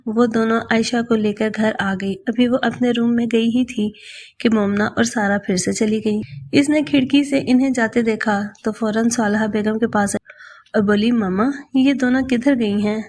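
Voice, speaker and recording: Woman reading a novel aloud, light pitch. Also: moderate pace. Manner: steady storytelling. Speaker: narrator.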